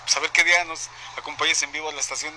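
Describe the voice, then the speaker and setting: A man hosting a radio talk show with joking, lively banter. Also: a little high, very fast, crowd noise, low-quality recording. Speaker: radio host.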